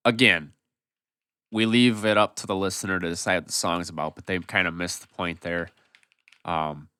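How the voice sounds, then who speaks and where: A man's voice: low-pitched, steady tone, moderate pace, bright, forceful tone, smooth, dry recording, clean studio sound. A man co-hosting a podcast, talking in an easygoing, chuckling way with lots of fillers. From Wisconsin. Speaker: podcast co-host, band songwriter. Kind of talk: casual chat.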